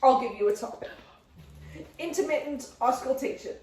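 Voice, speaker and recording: A woman's voice: high voice, moderate pace, a little mellow, a little hiss or hum, natural voice. A woman playing a gushing, chatty talk show host who peppers her talk with Yiddish exclamations, in a comedic sketch for nurse education. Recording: roomy sound from a distant mic.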